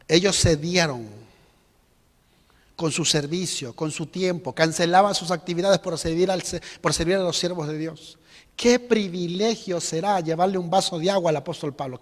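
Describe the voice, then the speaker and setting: A man preaching a sermon as pastor, animated and emphatic, acting out quotes and repeating phrases. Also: high-pitched, moderate pace. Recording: long reverb of a church hall.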